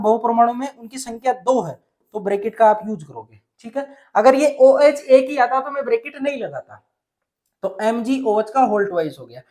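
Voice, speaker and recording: A male teacher from Rajasthan explaining a chemistry lesson step by step, often asking a question and then answering it himself. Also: extremely high pitch. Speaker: science teacher.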